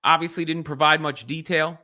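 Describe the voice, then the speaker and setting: A male sports commentator reacting on his own, earnest and thinking aloud, with frequent restarts. His voice sits high and rings bright and forward. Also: little pitch movement, a little fast. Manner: earnest, repeats and restarts phrases while thinking.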